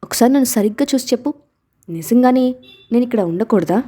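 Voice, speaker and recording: A woman voicing a gentle, teasing young father. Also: on the high side, quick pace, husky.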